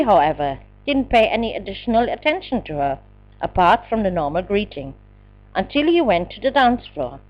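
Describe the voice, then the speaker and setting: A woman's voice: medium pitch, muffled recording. A woman reading her own memoir aloud with dramatic, emotional delivery. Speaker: narrator. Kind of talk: memoir audiobook narration.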